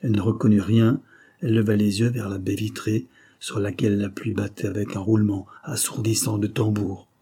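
Homme à la voix grave et voilée. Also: male voice, on the low side, flat delivery, fairly quick, warm tone, breathy edge. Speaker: audiobook narrator. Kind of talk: scripted literary narration.

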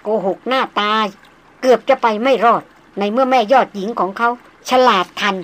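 A woman reading the part of a refined, self-assured young woman doctor, speaking slowly and deliberately. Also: on the high side, a bit bright, lightly acted. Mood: teasing. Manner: slow, measured, deliberate. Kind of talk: audiobook character reading.

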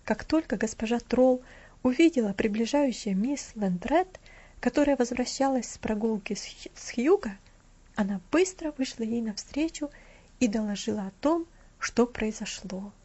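A woman reads a children's storybook aloud in a steady, expressive way. Her voice sits somewhat high. The recording is dull and lo-fi. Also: normal speed. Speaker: narrator. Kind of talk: storybook reading.

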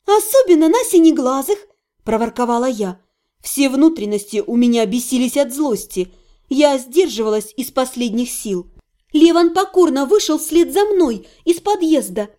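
Brief: woman audiobook narrator, high voice, mellow dark timbre, expressive first-person reading. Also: normal speed.

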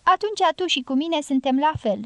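A woman reading an audiobook, voicing an earnest young girl in a soft, pleading way. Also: sits high, dry recording, pitched above the performer's own voice, lightly acted. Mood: tender. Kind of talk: audiobook character voice.

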